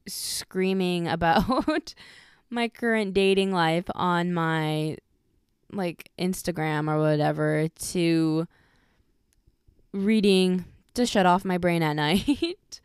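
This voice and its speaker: A woman's voice: fairly low pitch, clean tone, no echo, studio quality. A woman in her twenties hosting a podcast, chatting casually and giggling as she talks about her life. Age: 20s. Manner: chatty, giggly, animated storytelling. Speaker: podcast host. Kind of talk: casual chat.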